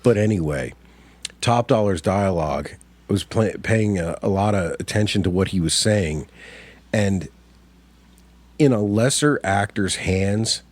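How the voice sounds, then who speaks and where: A man in his forties talks through a film in a loose, blunt way, swearing often and stating his opinions flatly. His voice sits on the lower side. The sound is dry and close to the mic. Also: a little slow, pauses often, no room sound. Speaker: podcast co-host. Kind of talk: casual movie discussion.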